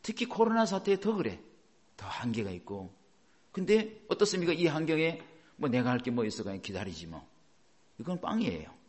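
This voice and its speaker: Animated preaching man, lively pitch. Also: moderate pace. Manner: asks the congregation questions and answers them, animated. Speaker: pastor. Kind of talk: sermon.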